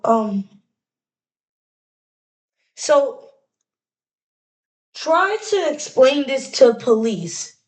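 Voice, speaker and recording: Woman, high-pitched, slow pace, casual video reaction, slangy, rambling, mock-exasperated. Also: poor audio. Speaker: video creator reacting to clips.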